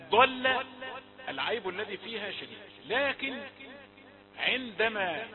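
A high-voiced man with an Egyptian accent teaches Quran pronunciation, explaining each rule and then drawing the words out in slow chanted examples. The sound is thin and phone-like, with a crowd murmuring behind him. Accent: Egyptian Arabic. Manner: explains then demonstrates slow drawn-out recitation. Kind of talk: tajweed lesson with chanted examples.

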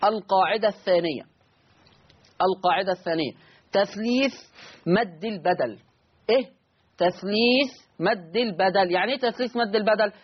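A man with an Egyptian accent teaching Quran recitation on a call-in lesson, repeating each point slowly so listeners can write it down. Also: sits high, slightly rough, dull audio. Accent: Egyptian Arabic.

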